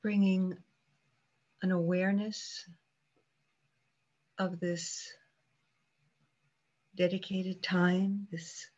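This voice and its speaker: A woman leads a guided meditation as its teacher, her voice on the low side and her pace calm and unhurried. Short phrases alternate with long pauses, heard through dull audio.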